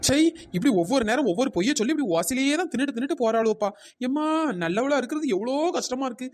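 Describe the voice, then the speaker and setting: A fed-up young snack seller in a cartoon, voiced by a woman, high-pitched and fast. She scolds and grumbles at customers who never pay. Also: lively intonation, a little mellow, a little hiss or hum. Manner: scolding, complaining. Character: young woman stall keeper, fed-up and sharp-tongued. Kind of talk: cartoon voice acting.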